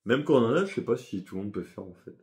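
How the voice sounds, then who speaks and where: A man's voice: lowish voice, expressive, fast, darkish tone. A young man telling a story in a casual vlog, rambling and slangy, with lots of fillers and self-corrections. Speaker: vlogger.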